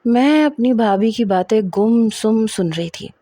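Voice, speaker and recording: Woman reading a love story out loud, all emotional and dramatic, mellow tone, super dry close mic. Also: a little high, no room sound. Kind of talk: first-person story narration.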